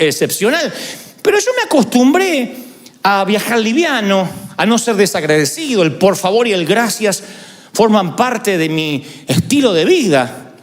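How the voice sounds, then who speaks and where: A man preaching, his voice sitting high and moving all over the place. He tells stories with humor and acts out other people's voices. The delivery is a lively sermon. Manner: animated humorous storytelling, mimicking voices. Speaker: pastor.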